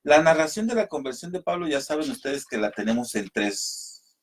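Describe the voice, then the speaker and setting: A man teaches a Bible study over the radio, patient and explanatory. His voice sits somewhat high for a man. He reads passages of scripture aloud and addresses his listeners as brothers. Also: animated, moderate pace. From Mexico.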